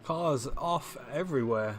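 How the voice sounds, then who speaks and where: A man's voice: fairly high pitch, expressive, a little slow, a little hiss or hum. A man co-commentating a live online race, laid-back, chiming in with short remarks. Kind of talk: live sim racing commentary. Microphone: home mic on a stream setup.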